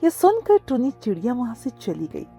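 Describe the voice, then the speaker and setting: A woman narrating a children's cartoon story in an expressive storytelling manner, also voicing the gentle heroine bird. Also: on the high side, moderate pace, husky, soft background music.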